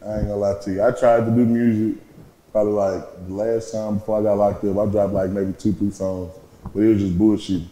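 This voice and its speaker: As a guest on a casual interview, a rapper with a deep, mellow voice chats about his life in laid-back slang, speaking fairly quickly in a level tone. The echoey room recording carries a little hiss or hum.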